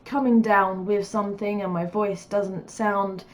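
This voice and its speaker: A woman with a stuffy cold chats through a game build in a casual voice-over, rambling with lots of fillers and frequent laughs. The gaming YouTuber's voice is medium-pitched, with fairly even intonation at a measured pace.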